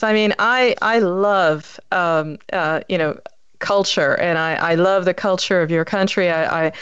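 A woman's voice: mid-range voice, clean tone, dry recording, muffled recording. A woman hosting a marketing podcast, chatty and enthusiastic, often repeating words as she talks. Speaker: podcast host. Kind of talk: casual interview chat.

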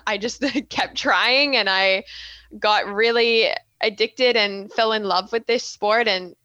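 A woman in her twenties, a synchronized swimmer appearing as a guest, chats casually in an interview with an accent that blends Australian and Canadian. Her mid-range voice moves slowly and sounds pushed and bright, and she giggles often between plenty of fillers. The recording has no echo, but the highs are cut off.

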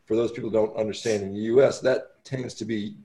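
An American man interviewing as a podcast host, casual, halting and rambling, often repeating his words. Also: on the low side, fairly even intonation, mellow.

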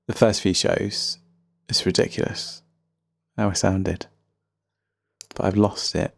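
Man, faint Birmingham accent, podcast host, rambling casual chat, gravelly, dry close sound. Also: low voice, level tone, slow pace, no room sound. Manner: rambling, chatty, self-deprecating.

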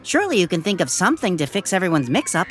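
A woman's voice: fairly low pitch, big pitch swings, racing, faint music behind. A woman playing an earnest, encouraging young male superhero in a children's audio story.

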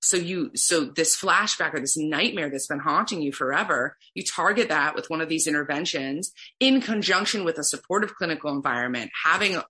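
A woman's voice: low voice, expressive, fairly quick, hardly any pauses, sharp tone, breathy edge. A woman explaining a clinical treatment program in an interview, earnest and heartfelt. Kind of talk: conversational interview.

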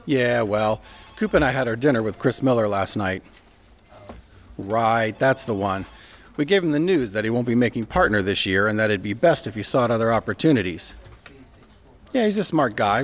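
Guy doing a dismissive law firm boss, flat matter-of-fact talk, faint noise behind. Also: medium pitch, moderate pace, close to an everyday voice. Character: blunt male law firm partner. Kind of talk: audio drama acting.

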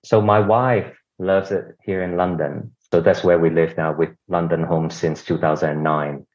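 Low, steady and a little mellow, this man speaks slightly slowly. He's a middle-aged healthcare executive from Singapore answering podcast interview questions about his organisation in a conversational way, frequently saying "you know", on dull lo-fi audio.

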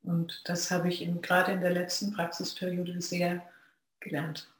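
Reflective dharma talk from a Zen practitioner, unhurried and pausing, heavy room echo. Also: medium pitch, completely flat delivery. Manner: slow, measured, pausing between phrases. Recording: very echoey room.

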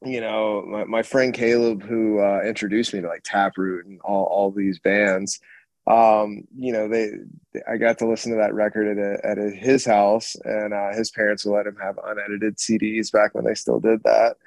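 A man who plays in a rock band, telling stories in a rambling, animated way with lots of restarts. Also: lowish voice, moderate pace, no room sound. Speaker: guitarist and screamer in a rock band, guest. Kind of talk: casual storytelling chat.

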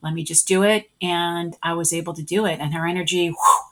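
A woman's voice: fairly low pitch, fairly even intonation, fairly quick, a bit bright. A middle-aged woman, a spiritual energy worker, telling her life story in a casual interview and acting out her own past thoughts.

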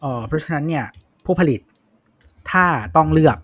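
A man's voice: fairly high pitch, moderate pace, fairly bright tone. A man co-hosting a casual tech podcast, chiming in with details and opinions in short bursts. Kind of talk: casual chat.

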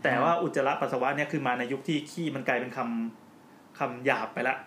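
A man's voice: mid-range voice, fairly even intonation, a little fast, bright, forceful tone. A man hosting a podcast in casual chat, joking as he explains at length. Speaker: podcast host. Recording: roomy with faint background noise.

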